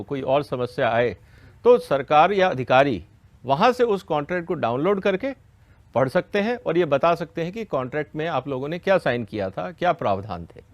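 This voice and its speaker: Speaking in a fairly high voice with no room sound, a man walks farmers through a law. He uses a didactic question-and-answer approach, moving step by step and frequently making sure everyone follows.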